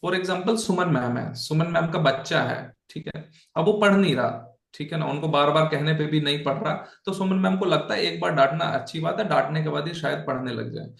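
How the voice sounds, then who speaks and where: A man's voice: on the high side, a little fast, gravelly, reverberant. A man giving a casual online lesson, talking in a conversational way, checking in with his listeners often and slipping English phrases into his speech. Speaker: Bhagavad Gita teacher.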